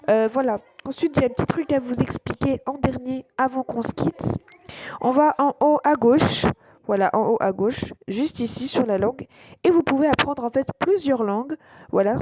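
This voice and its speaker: A woman's voice: fairly high pitch, noisy background. Hesitant woman walking through an app. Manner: hesitant, many fillers and restarts; keeps saying voilà. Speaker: YouTube channel host. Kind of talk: casual app walkthrough over a screen recording.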